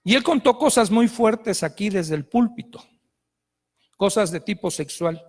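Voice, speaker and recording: A man's voice: high voice, animated, measured pace, darkish tone, long reverb tail. A male pastor, preaching a sermon with emphatic storytelling.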